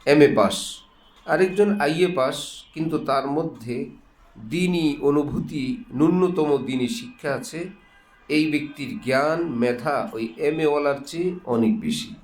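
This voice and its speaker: A man's voice: fairly high pitch, slow pace. A man giving a sermon, conversational and joking, laughing as he teaches. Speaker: Islamic preacher. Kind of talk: sermon with humorous anecdotes.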